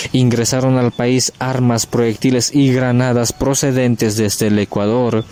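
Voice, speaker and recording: A man reading a radio news bulletin as a correspondent, moving through the headlines one after another. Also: mid-range voice. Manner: flat, steady headline reading.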